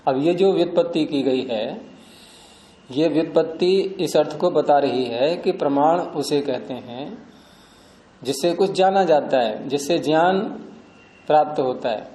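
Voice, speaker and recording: A man lectures a class in a patient, explanatory way, asking questions and then answering them himself. His voice sits a little high but sounds mellow. The room gives it a noticeable echo. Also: measured pace. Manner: patient, repeats and rephrases terms, asks and answers his own questions. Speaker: teacher of Sanskrit philosophy. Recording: echoey room.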